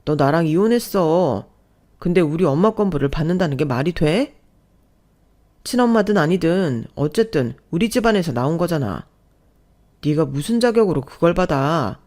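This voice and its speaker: A woman voicing an ex-husband who speaks in a loud, demanding way. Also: low-pitched, animated, moderate pace. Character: angry ex-husband, bullying then pleading.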